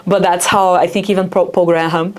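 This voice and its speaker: She has a fairly low voice and a flat delivery, speaking a little fast. A young adult startup founder from Rio de Janeiro with a Brazilian accent, she keeps the casual interview chatty, peppered with "like" and "yeah."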